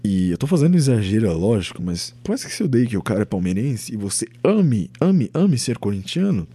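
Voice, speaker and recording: A young Brazilian man hosting his own podcast, giving a rambling, animated opinion monologue, swearing freely and acting out quoted voices. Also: lowish voice, brisk, breathy edge, dry recording. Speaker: podcast host.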